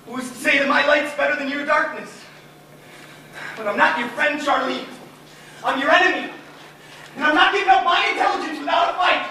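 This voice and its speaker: An anguished young man, once slow and now brilliant, pleads and flares up in a very high, bright voice, as an actor plays him. He is heard from far across a very echoey stage, with a faint hiss behind. The talk is intense and urgent. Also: a faint crowd, exaggerated voice. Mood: defiant. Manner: intense, pleading, breaks into shouts.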